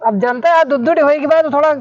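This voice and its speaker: A man's voice: very high voice, fairly quick, no room sound, lo-fi sound. A man with an Awadhi accent playing a complaining patient in a rustic comedy skit.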